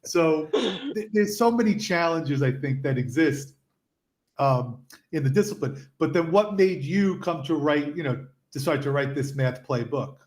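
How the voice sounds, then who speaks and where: Relaxed male podcast co-host, slightly high. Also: unhurried. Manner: relaxed, asks long rambling questions. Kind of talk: casual interview chat.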